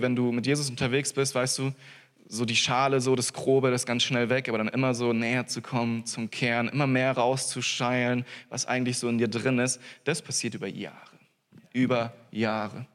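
A man's voice: mid-range voice, a bit bright. A man preaching a casual sermon, talking in a loose, conversational way with frequent asides and small jokes. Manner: conversational, many fillers and "hey" asides, jokey. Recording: long reverb of a church hall.

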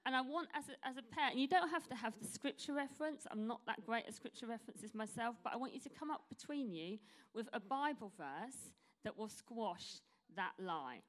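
A woman's voice: a little high, animated, a little fast. A middle-aged woman preacher giving an informal, chatty, self-deprecating sermon to a congregation, pronouncing her R's as W's. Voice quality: cannot say her R's, says w for r. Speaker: church preacher.

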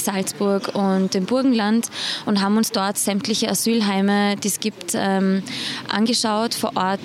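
A woman's voice: mid-range voice, a little hiss or hum. A woman from Iran, an investigative journalist answering interview questions with many hesitations and fillers.

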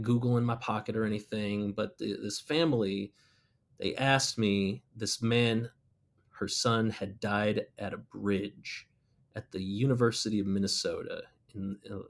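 A middle-aged man with a fairly low voice tells a personal story from his mural-painting days. He talks casually and loosely, with lots of "uh" and "you know" and false starts as he gathers his thoughts. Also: vocal fry. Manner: relaxed, rambling, frequent fillers and restarts.

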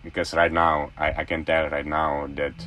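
A man's voice: rumbling low, little pitch movement, normal speed, pushed and bright. A young man in his twenties, a former college athlete, talking enthusiastically and at length in a casual interview. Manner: enthusiastic, rambling.

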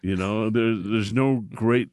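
Older-ish guy hosting a podcast, low voice, dry room, jokey stories, cusses a bit. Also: slow pace, a little mellow, no echo. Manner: anecdotal, joking, salty language. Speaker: podcast host. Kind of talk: casual interview chat.

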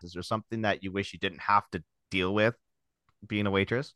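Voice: low-pitched, steady tone, brisk, fairly bright tone, no echo, studio quality. A podcast host reading an ad and chatting casually, agreeable, with sarcastic quips. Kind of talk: casual podcast chat and read ad.

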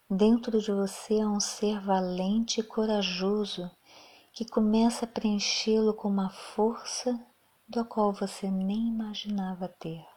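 A woman leading a guided meditation, speaking softly and soothingly, often half-whispering. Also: mid-range voice.

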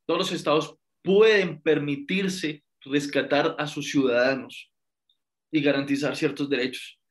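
Colombian man, slightly high voice. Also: steady tone, measured pace. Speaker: podcast guest. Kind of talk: explanatory political discussion.

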